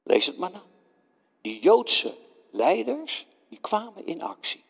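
A self-justifying Roman governor Pilate, played by a male preacher in a first-person sermon. His voice sits high and swings widely as he stammers and pleads with the listeners. A slight gravel runs through it, and a long hall reverb trails each phrase. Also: sing-song, slow pace, heavily acted. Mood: indignant.

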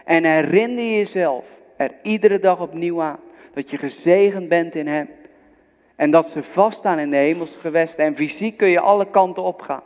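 A man's voice: on the high side, darkish tone. A man preaching a sermon, earnest and exhorting, speaking directly to his listeners. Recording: long reverb of a large hall.

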